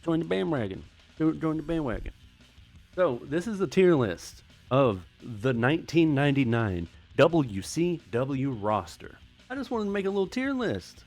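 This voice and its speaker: An American man hosting his own channel, giving rambling, sarcastic casual commentary. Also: medium pitch. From United States. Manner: rambling, sarcastic, self-deprecating. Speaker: YouTube host.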